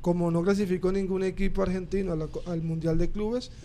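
A man's voice: high-pitched, flat delivery, a little fast, warm tone. A man, a co-host who jumps eagerly into a casual sports chat.

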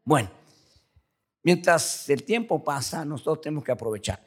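A man's voice: on the high side, animated, moderate pace, breathy edge. An older man, a pastor, preaching a sermon in a loose, conversational way, full of repeated words and tag questions to the congregation. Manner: addresses the congregation as brothers throughout.

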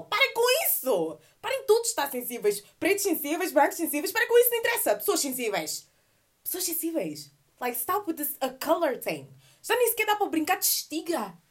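Woman host, high and lively voice, casual animated rant. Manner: animated, mixing Portuguese and English, laughing asides. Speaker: podcast host. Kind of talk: casual monologue.

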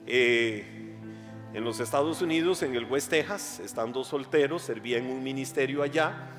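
A man's voice: mid-range voice, a bit bright, in a large hall. A Costa Rican man preaching a sermon as pastor, emphatic and rising on his questions. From Costa Rica.

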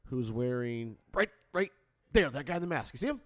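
A man's voice: mid-range voice, big pitch swings, a little fast, fairly bright tone, dry recording. Casual, playful man hosting, dry close sound. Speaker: radio show host. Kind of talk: casual banter among co-hosts.

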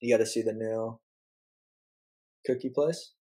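A man's voice: mid-range voice, steady tone, a little slow, dark tone. A man co-hosting a casual chat, laid-back, with teasing questions and easy laughter. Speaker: podcast co-host.

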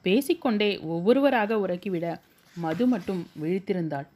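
A woman's voice: mid-range voice, expressive, normal speed, warm tone. A woman reading a novel aloud as an audiobook, giving the characters' dialogue small voice shifts. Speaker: storyteller.

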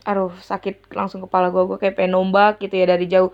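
A young adult woman, telling a personal story in a slangy, exasperated, animated way. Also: mid-range voice, quick pace. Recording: dull lo-fi sound.

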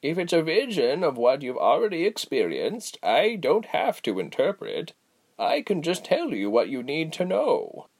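A man voicing an old, tired, wise female healer who speaks slowly, calmly and sternly. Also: fairly high pitch, slightly rough, pitched above the performer's own voice, full character voice. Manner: slow, calm, measured, stern. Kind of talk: audiobook character voice.

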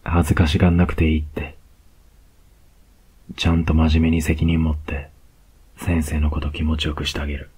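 A cocky young male student with a Kansai lilt, voiced by a man in a whispered role-play. His voice sits extremely low and husky, drawn out slowly and evenly with little rise and fall. He teases in a close, unhurried murmur with soft laughs. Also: flat delivery, full character voice. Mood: teasing.

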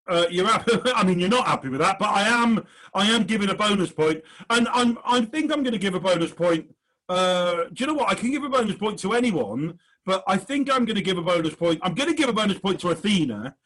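A man's voice: high voice, expressive, a little fast, a bit bright, poor audio. A man hosting a comedy quiz over a video call, jokey and hesitant with many fillers. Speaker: quiz host. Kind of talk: online comedy panel show hosting.

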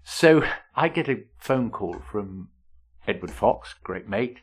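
A man's voice: fairly low pitch, expressive, takes it slowly. A middle-aged man, a stage actor, chatting as a guest in an interview, telling stories with many restarts and fillers. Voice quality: gravelly, husky. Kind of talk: casual interview chat.

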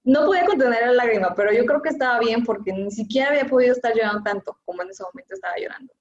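A woman's voice: a little high, expressive, very fast. A woman with a Mexican accent gives an earnest, emotional personal testimony as an interview guest, talking with many fillers. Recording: echoey, dull lo-fi room sound.

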